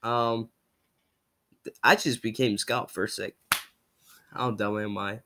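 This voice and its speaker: A man's voice: on the low side, fairly even intonation, slow pace, noisy background. A man with a Texan accent, casually talking between voice impressions. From Texas. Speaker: YouTuber.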